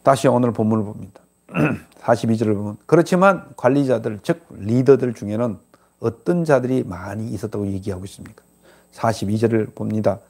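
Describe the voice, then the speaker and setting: A man's voice: fairly low pitch, brisk, gravelly, a little mellow, breathy edge. An older man preaching a sermon as pastor, emphatic, with sudden rising outbursts and rhetorical questions.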